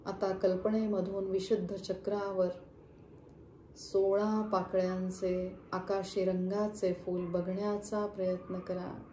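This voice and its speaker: A woman leading a guided chakra meditation with slow, soothing instructions. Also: medium pitch, little pitch movement, mellow. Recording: echoey room, faint background hum.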